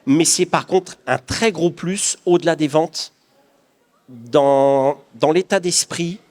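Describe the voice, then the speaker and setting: Slow-paced and a little mellow, with a fairly high pitch, a middle-aged man from France's Paris region answers interview questions as a craftsman guest. He is earnest and reflective and often restarts his sentences.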